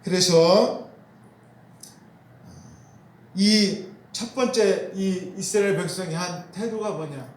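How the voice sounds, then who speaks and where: A man's voice: high voice, slow pace, pauses often, slight background noise. A man preaching a sermon as pastor, asking the congregation questions and answering them himself, and repeating key phrases for emphasis. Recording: roomy echo.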